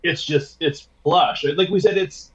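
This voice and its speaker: A man appears as a podcast guest via video call, talking easygoingly and with plenty of slang about his travels and personal experiences. He has a highish, unhurried voice, heard through muffled, lo-fi call audio.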